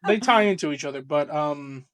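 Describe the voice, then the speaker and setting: A young man co-hosting a casual podcast, rambling excitably and swearing freely as he talks. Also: a little high, moderate pace, dry recording, studio quality. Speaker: podcast co-host. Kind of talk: casual chat.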